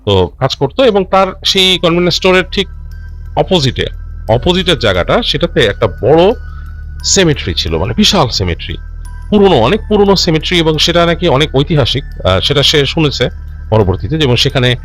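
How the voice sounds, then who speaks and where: This man hosts a show of listener-submitted ghost stories and narrates one conversationally, his pitch moving animatedly. Background music plays while he halts, restarts, repeats phrases and mixes in English words.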